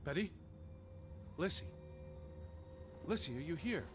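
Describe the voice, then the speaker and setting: A man's voice: medium pitch, sing-song, unhurried, background noise. An actor playing an anxious man searching for his missing sister in a video game, earnest and increasingly desperate. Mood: calling out. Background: game music.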